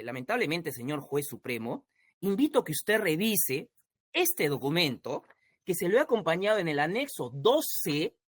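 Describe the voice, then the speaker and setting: A man's voice: high voice, a bit bright, no echo, clean studio sound. Insistent man arguing before a judge. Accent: Peruvian Spanish. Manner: formal, insistent, repeatedly deferential to the judge. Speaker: prosecutor arguing his own petition at a court hearing. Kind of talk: formal legal argument in a hearing.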